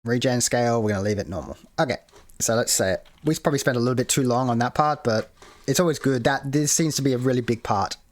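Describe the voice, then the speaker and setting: A man speaking fast at medium pitch hosts a casual game modding tutorial, showing on screen how to build a game mode. His talk rambles with plenty of fillers and restarts, and he keeps hiccuping.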